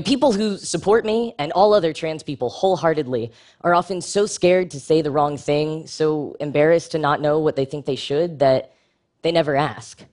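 A man delivers a prepared public talk, wry, frank and humorous, with lively jumps in pitch to emphasize his points.

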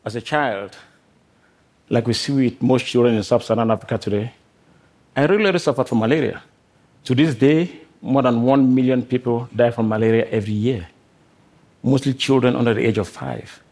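A middle-aged man from Cameroon, a scientist giving a prepared talk on stage, speaking earnestly in short measured phrases. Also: mid-range voice, darkish tone. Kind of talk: prepared talk to a live audience.

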